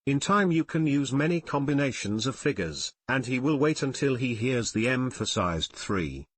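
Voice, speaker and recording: A man reading scripted step-by-step instructions in a steady, instructional narration. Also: medium pitch, moderate pace, no echo. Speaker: narrator of dog training videos.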